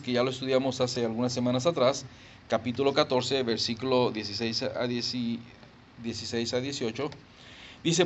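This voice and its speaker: A male pastor preaching a sermon and praying, animated and emphatic, acting out voices and sounds. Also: medium pitch, highs cut off, slight background noise. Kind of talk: sermon and prayer.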